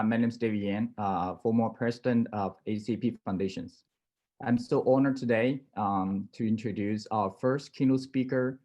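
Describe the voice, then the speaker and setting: A man with a mid-range voice introduces a keynote speaker at a ceremony. He reads from prepared notes, pausing now and then on fillers. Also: mid-range voice, a little mellow. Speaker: former association president introducing a speaker.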